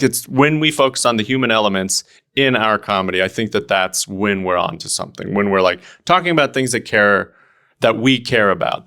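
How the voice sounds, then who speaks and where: Speaking with a pushed, bright medium pitch, a young man from Oregon appears as a guest comedian on a podcast. The talk is relaxed and earnest, peppered with fillers and do-overs.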